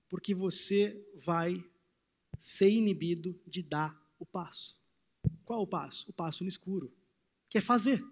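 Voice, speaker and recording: A man in his thirties giving a reflective talk on a conference stage through a headset mic. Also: high voice. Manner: reflective, gestures while pacing the stage. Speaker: trading course presenter. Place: large conference hall with audience. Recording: hall reverb.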